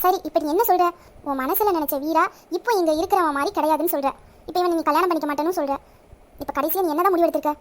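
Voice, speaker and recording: A woman voicing a caring, protective young village woman who questions her friend briskly and affectionately. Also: very high voice. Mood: bewildered. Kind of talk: Tamil village audio drama.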